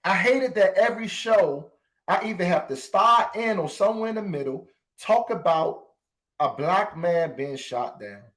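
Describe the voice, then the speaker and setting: A man with a slightly high voice hosts a podcast and speaks with open emotion. He addresses his listeners directly and repeats phrases to drive each point home. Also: lively intonation, measured pace, fairly bright tone. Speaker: podcast host. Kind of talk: impassioned commentary.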